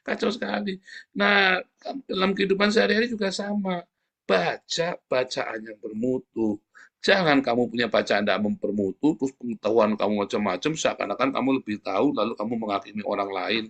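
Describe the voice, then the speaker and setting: A man preaching an informal sermon, blunt and scolding in a colloquial way. He peppers his talk with asides to the congregation. His voice leaps high when indignant and drops low and slow when he tells a story. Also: fairly even intonation, vocal fry, fairly bright tone.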